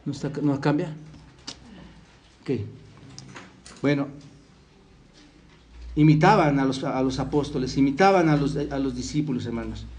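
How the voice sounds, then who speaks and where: A man's voice: medium pitch, unhurried, long pauses, darkish tone, slight background noise. A man from Mexico preaching a sermon as pastor, earnestly quoting scripture and putting questions to the congregation. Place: church hall.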